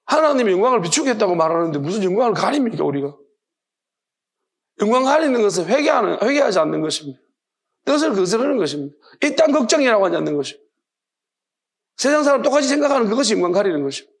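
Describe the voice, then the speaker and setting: A man's voice: sits high, sing-song, fast, long pauses. A male pastor with a Gyeongsang accent preaching a sermon, firing off rhetorical questions with emphasis.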